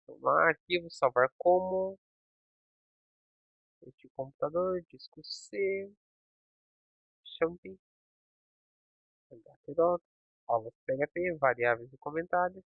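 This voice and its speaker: A man's voice: a little high, slow pace, creaky, pauses often, no echo. Man, tutorial teacher, step-by-step coding walkthrough, dry lo-fi mic. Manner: talks through code step by step, checking with "ok?" and "certo?". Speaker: programming teacher. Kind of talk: screen-recorded coding tutorial.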